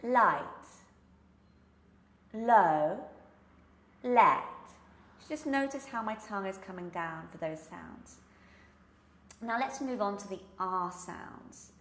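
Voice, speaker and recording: A woman with a British accent works as a pronunciation coach, giving a lesson in which she enunciates carefully and stresses example words. Her mid-range voice is expressive and a bit bright, delivered at a measured pace in an echoey room.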